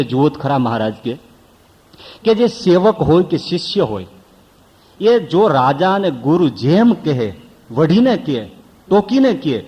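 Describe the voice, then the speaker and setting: A monk preaches in a fairly high voice, telling stories and asking his listeners rhetorical questions. His voice carries a long hall reverb. The recording sounds dull and lo-fi. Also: a little mellow. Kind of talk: sermon.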